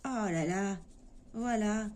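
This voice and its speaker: A woman's voice: mid-range voice, slow pace, a little mellow. A woman with a French accent hosting a casual coloring-along, chatting and thinking aloud as she works. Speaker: coloring channel host.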